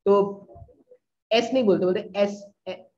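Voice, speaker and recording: A man's voice: high-pitched, steady tone, slow, warm tone, a little hiss or hum. A man teaching a class in a casual way, often checking whether the students follow. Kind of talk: classroom lecture. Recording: dull lo-fi recording.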